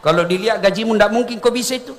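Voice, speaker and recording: A man giving a humorous sermon, joking and animated, asking his audience questions. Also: high-pitched, very fast, in a large hall, slight background noise. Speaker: Islamic preacher.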